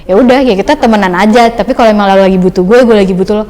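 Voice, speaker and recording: A woman's voice: mid-range voice, very fast, a little mellow, in a large hall. A young woman guest speaking in a chatty, loose storytelling way with many fillers, giving a casual personal testimony on a podcast.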